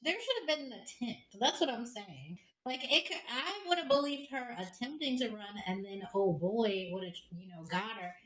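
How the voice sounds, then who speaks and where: A woman with a slightly high voice co-hosts a casual podcast, talking in an animated, quick way. Her voice sits in a roomy echo. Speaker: podcast co-host. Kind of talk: casual discussion.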